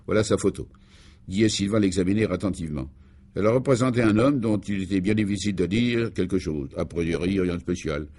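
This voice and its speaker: A man giving deadpan, matter-of-fact narration for a radio serial. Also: deep voice, a little fast.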